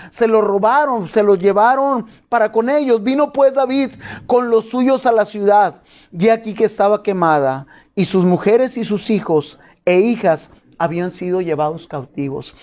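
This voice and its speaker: A man's voice: high-pitched, a little mellow, muffled recording. A pastor preaching a sermon to his congregation, asking them questions as he goes.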